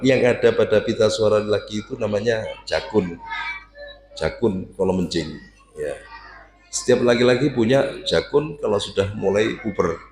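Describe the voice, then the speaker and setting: A man teaching a casual religious class to students, lively and jokey, breaking into recitation to demonstrate. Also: lowish voice, roomy sound. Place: prayer room with students.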